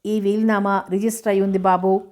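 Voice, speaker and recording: A woman voicing a calm elderly male mediator who patiently explains the rules of a will. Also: medium pitch, fairly quick, lightly acted.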